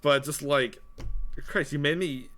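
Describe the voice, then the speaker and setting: A man's voice: a little high, a little slow, fairly bright tone. A young man co-hosting a podcast, telling stories in a loose, rambling, profane way with lots of fillers. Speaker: podcast co-host. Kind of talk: casual chat.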